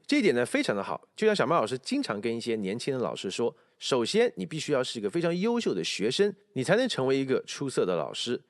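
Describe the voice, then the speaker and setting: A man teaching English pronunciation, explaining and slowly repeating English phrases to show stress and intonation. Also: mid-range voice, wildly swooping pitch, no room sound, clean studio sound. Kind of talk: pronunciation lesson with spoken examples.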